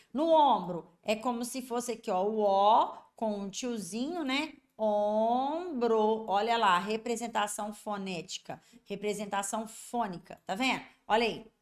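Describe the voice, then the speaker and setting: A Brazilian woman teaching a Portuguese grammar lesson for exam candidates. She keeps checking that students follow and draws out example words slowly. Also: medium pitch. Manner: repetitive, constantly checking understanding.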